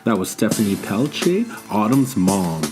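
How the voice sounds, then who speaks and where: Relaxed male radio host over music. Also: lowish voice, measured pace. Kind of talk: casual news broadcast. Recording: music bed behind.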